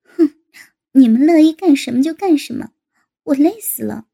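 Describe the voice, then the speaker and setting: A woman voicing a sharp-tongued, scolding middle-aged aunt in a read-aloud story, her voice high and gravelly. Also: expressive, normal speed, dry recording, studio quality. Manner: scolding, huffy.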